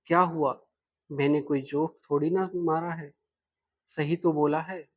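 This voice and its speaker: A man's voice: fairly high pitch, steady tone, unhurried. A man voicing a frank, playful young woman student in a read-aloud love story, in a dull lo-fi recording. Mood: teasing. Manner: direct, playful, lightly teasing.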